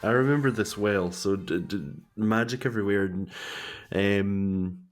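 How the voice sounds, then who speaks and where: A man with a fairly low voice, co-hosting a casual podcast chat. He rambles, restarts his sentences and jumps up in pitch when he gets excited. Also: a little slow, faint music behind. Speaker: podcast co-host.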